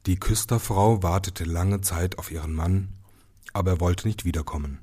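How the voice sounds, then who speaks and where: A man reading a fairy tale aloud, dropping to a hush in the eerie parts. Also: low voice, fairly even intonation, moderate pace. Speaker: storyteller.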